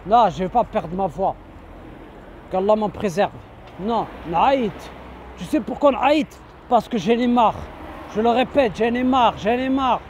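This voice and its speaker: An online preacher with a high voice delivers an indignant religious reminder outdoors, speaking unhurriedly but shouting. He insists, repeating his phrases over and over, and a little hiss or hum sits in the recording.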